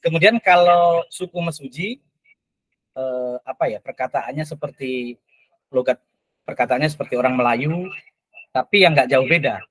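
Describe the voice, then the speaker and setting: A man who is a teacher and podcast guest, telling stories in an animated, emphatic way. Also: normal speed, long pauses, no room sound, poor audio. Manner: lively, emphatic, with big swings in pitch. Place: studio.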